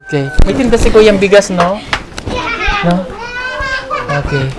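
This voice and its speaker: A woman's voice: medium pitch, moderate pace, a loud crowd, very noisy. A woman from the Philippines vlogging as she hands out aid, talking in a coaxing, motherly way and laughing easily. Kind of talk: casual on-camera chat.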